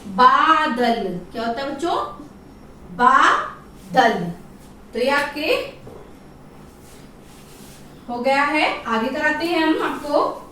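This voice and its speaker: A woman teacher leading a primary-school class, asking questions and drawing out each answer slowly for the children to repeat. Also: high voice, expressive, a bit bright, very echoey, far from the mic, slight background noise. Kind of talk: online class lesson.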